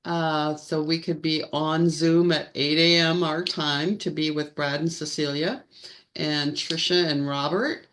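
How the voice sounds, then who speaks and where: A woman's voice: low-pitched, fairly even intonation, a bit bright. A woman co-hosting a casual live-stream chat, stretching her words like a show announcer. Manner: slow, drawn-out announcer-style delivery. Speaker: co-host.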